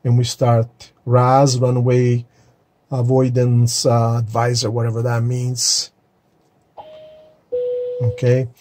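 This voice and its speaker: A man's voice: mid-range voice, completely flat delivery, takes it slowly, pauses often, darkish tone. A man casually walking viewers through starting up his home flight simulator cockpit, talking straight to them as he clicks through screens, recorded on a phone in the sim room. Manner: chatty, addresses viewers directly. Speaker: flight sim hobbyist host. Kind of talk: casual tutorial walkthrough. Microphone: phone camera held or mounted nearby.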